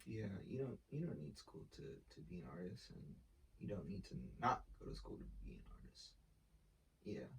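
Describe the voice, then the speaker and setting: With a fairly low, fairly bright voice, vocal fry and big pitch swings, the young artist and brand founder talks at normal speed in a relaxed interview. He uses slang, swears and fills pauses often, recorded off the mic from a distance with slight background noise.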